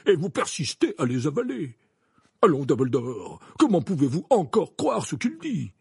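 A pompous, defensive minister who trips over his words, as a man reading a storybook puts him on. His breathy voice swings widely up and down, close and dry. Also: on the high side, wildly swooping pitch, normal speed, darkish tone, dry recording, pitched above the performer's own voice, heavily acted. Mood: indignant. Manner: stammering, repeating words. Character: pompous flustered male minister, stubborn and defensive. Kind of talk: audiobook character voice.

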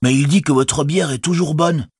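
A man voicing an eager, loyal young hobbit servant who blurts things out, with a husky voice. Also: normal speed, darkish tone, dry recording, clean studio sound. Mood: insistent. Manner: eager, blurting, high-spirited.

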